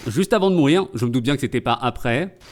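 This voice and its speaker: Lively joking male streamer. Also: medium pitch, fast talker, heavy background noise. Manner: joking, rambling, lively asides. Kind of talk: live comedic translation commentary.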